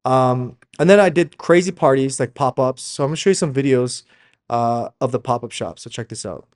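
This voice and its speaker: A fashion brand founder and coach speaks fairly quickly at a medium pitch in a motivational sales video. A Slovak speaker who moved to Canada from Slovakia as a young child, he coaches informally and emphatically, calling listeners "guys" and using tag questions constantly.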